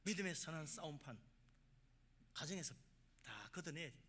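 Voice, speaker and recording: A man preaching a sermon as pastor of a church, with emphatic swings between loud exhortation and quiet asides. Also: fairly high pitch, expressive, normal speed.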